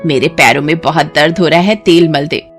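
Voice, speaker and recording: A woman's voice: deep voice, moderate pace, faint music behind. A woman voicing a harsh scolding mother-in-law. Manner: scolding, commanding. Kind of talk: animated storybook voice acting.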